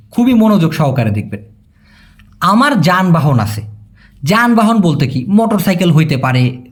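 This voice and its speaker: A man giving a casual language lesson, patiently repeating phrases slowly and asking if it is clear. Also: sits high. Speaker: language teacher.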